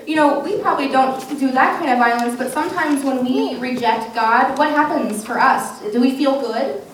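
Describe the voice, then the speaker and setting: With a high voice at normal speed, a woman pastor addresses her congregation in simple, encouraging words, like a children's message and sermon, asking easy questions and repeating the answers back. The recording, made indoors in a large reverberant church, is very echoey, with a distant mic and faint noise.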